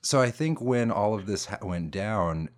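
A man in his thirties chatting casually as a podcast co-host, relaxed and a bit hesitant, often restarting his sentences. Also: lowish voice, a little slow. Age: 30s. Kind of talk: casual chat.

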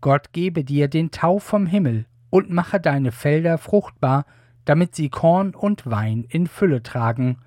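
A man voicing an aged blind patriarch giving blessings, in a solemn, measured reading. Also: on the high side, expressive, darkish tone, no room sound, studio quality.

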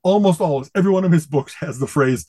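A man's voice: a little high, fast, dark tone, no echo. Enthusiastic rambling man on a podcast. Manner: enthusiastic, rambling, quotes catchphrases with relish. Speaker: podcast co-host. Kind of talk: casual chat.

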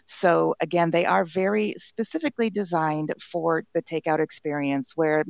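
A woman's voice: low voice, steady tone, normal speed, gravelly, no echo. A woman company founder explaining her work conversationally as an interview guest. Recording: dull lo-fi dry sound.

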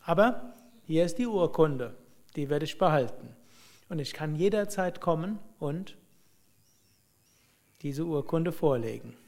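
A man voicing a calm, wise old male sage who speaks in a commanding, gently testing way while telling a story. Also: a little high, measured pace, pauses often. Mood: instructive.

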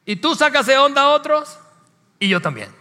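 This pastor, whose Venezuelan Spanish accent comes through, preaches at a moderate pace in a very high, pushed, bright voice with big pitch swings. His sermon is conversational yet emphatic, circling back to key phrases amid long hall reverb.

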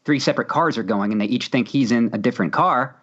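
Brief: man, mid-pitched, teasing co-host, dull lo-fi recording. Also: a bit bright. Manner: wry, teasing, quick to laugh. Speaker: podcast co-host. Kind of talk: casual chat. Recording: dull lo-fi mic.

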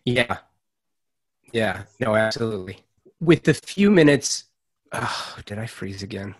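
A man's voice: on the low side, lively intonation, a little slow, no room sound, studio quality. A man hosting a podcast interview over a video call, often repeating words as he restarts his sentences. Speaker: podcast host. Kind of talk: casual interview.

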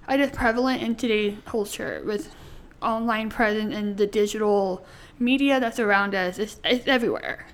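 A woman co-hosts a relaxed faith chat about married life. She talks in an earnest, chatty way, and her voice sits a little higher than most. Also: clean tone. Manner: earnest, chatty, laughs easily. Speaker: co-host.

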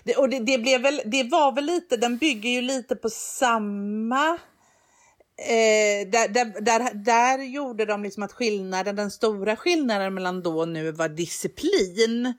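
A woman co-hosting a podcast in casual chat, talking in a halting way with many restarts and repeated words. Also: a little high. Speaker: podcast co-host, teacher.

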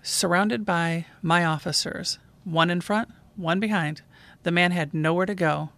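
A woman, a 911 dispatcher who hosts her own podcast, calmly narrating a true call in scripted form. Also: on the low side, unhurried.

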